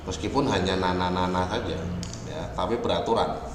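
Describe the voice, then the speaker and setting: A man giving an online lecture on music software, explaining slowly and often ending phrases with a checking "ya". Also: sits low. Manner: explains slowly, with frequent "ya" tags. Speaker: university lecturer. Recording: echoey, reverberant room, faint ambient noise.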